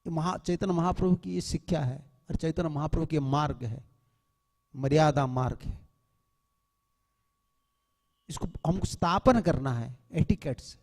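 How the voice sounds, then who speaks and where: A man's voice: fairly high pitch, measured pace, long pauses, a little mellow. A man, a swami, giving an earnest temple lecture to devotees, admonishing them and mixing English words into his speech. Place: temple hall. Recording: long hall reverb.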